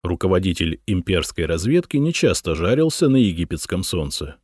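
A man narrating an adventure audiobook with an expressive reading. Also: low voice, a little fast, no room sound, clean studio sound. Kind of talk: scripted narration.

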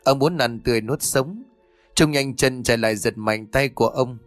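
A man narrating a ghost story in a steady storytelling manner. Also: medium pitch, moderate pace, no room sound. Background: faint music.

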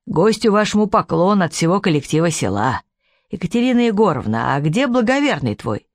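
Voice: mid-range voice, big pitch swings, a little fast, no room sound, studio quality. A man reading a story, voicing an eager stocky village man with hearty rural speech.

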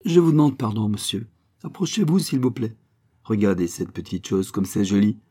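A man's voice: lowish voice, big pitch swings, moderate pace, mellow, slightly rough. A man voicing a hearty, kindly old-fashioned farmer. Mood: warm, jovial. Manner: hearty, affectionate, raised voice. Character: kindly good-humored male farmer, tender with a pet bird. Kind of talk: storybook character voice.

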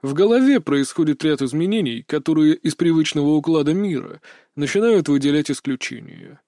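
Man doing a bearded old hunter, mocking, lecturing, animated pitch, dry audiobook voice. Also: brisk, no echo. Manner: taunting, philosophizing. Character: burly bearded older male hunter, mocking, sly. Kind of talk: audiobook character voice.

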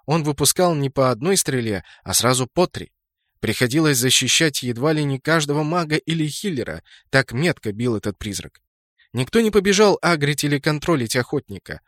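A man's voice: fairly high pitch, lively intonation, moderate pace, fairly bright tone, dry recording, clean studio sound. A man reading scripted fantasy game fiction as an audiobook narrator.

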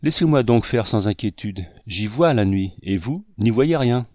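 A man voicing an eager girl of about sixteen, higher and louder than his narration. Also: lively intonation, unhurried, no echo, studio quality.

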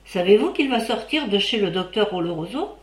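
A woman's voice: mid-range voice, expressive, brisk, natural voice. Woman narrator doing a young apothecary's boy, chatty and confiding, in an echoey room; a storybook told by one reader. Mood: gossipy. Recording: roomy echo.

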